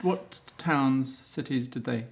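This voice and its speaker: A man's voice: mid-range voice, slow, creaky. A middle-aged man hosting a casual interview, chatty and teasing, laughing easily. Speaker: interviewer, fashion photographer.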